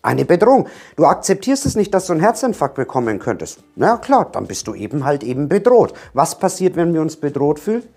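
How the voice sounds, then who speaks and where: A man's voice: fairly high pitch, very animated, a little fast, gravelly, hardly any pauses, darkish tone, slightly rough, faint music behind. A man giving a direct-to-camera coaching talk on anxiety, emphatic, repeating key words and firing rhetorical questions at the viewer.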